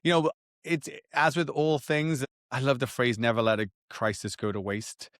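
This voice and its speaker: A man's voice: mid-range voice, moderate pace, fairly bright tone, no echo, studio quality. A man co-hosting a podcast, chatting casually in an informal, rambling way. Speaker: podcast co-host.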